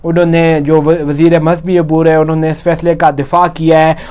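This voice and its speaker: A man with a Pakistani accent delivers a news report with commentary, his voice fairly high for a man, clean, smooth, and a little mellow. His delivery is flat and moderately paced, and he explains as he goes, often rewording and repeating points.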